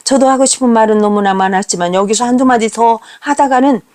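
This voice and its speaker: A middle-aged woman reading a first-person story in a somber, measured manner. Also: on the high side, a little mellow.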